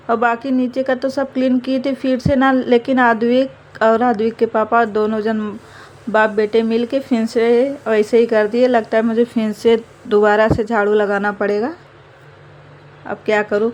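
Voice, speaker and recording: A young woman narrating her household chores in a chatty, rambling home vlog. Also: fairly high pitch. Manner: chatty, rambling, fillers of "matlab". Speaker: vlogger, mother.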